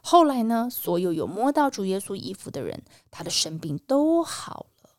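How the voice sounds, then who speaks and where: A woman telling a Bible story to children, gentle and coaxing, asking the little listeners questions, recorded close to the mic. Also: medium pitch, very animated, normal speed, no room sound.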